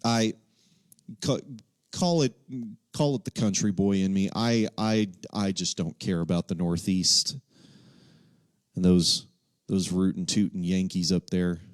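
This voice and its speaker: A man's voice: sits low, fairly even intonation, a little slow, long pauses, dry recording, studio quality. A man from Texas, casually hosting a live quiz and thinking aloud as he reads out the answer options. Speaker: livestream quiz host.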